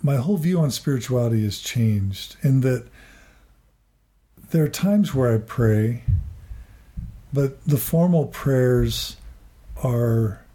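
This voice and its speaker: A man in his forties, a therapist and podcaster, speaking earnestly and haltingly in a reflective interview, often restarting and repeating words. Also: medium pitch, animated, dark tone.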